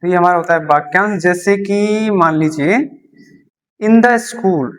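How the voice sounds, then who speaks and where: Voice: medium pitch, a little slow. A teacher gives a beginner English lesson explained in Hindi, repeating key terms and answering their own questions while writing examples on a board.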